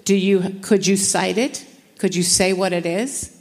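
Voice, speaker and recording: An earnest woman delivers a sermon to a conference audience, pressing them with direct questions. Her voice sits at a middling pitch. The sound carries a long reverb from a large hall. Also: fairly even intonation, unhurried, a little mellow. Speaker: conference speaker.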